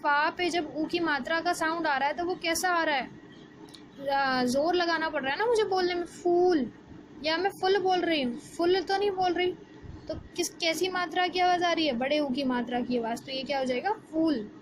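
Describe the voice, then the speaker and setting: A woman, teaching a Hindi lesson to young children and asking the class questions as she explains slowly. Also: extremely high pitch, low-quality recording. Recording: background noise.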